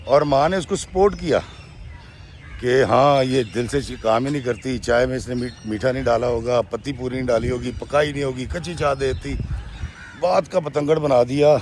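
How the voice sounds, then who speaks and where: A man's voice: medium pitch, darkish tone, a little hiss or hum. A man narrating a true-life story in a conversational, emphatic way.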